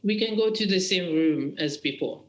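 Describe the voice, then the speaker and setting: A man's voice: high voice, animated, normal speed. A man voicing an imperious noblewoman with a put-on French accent, commanding and blunt, in an echoey room with faint music.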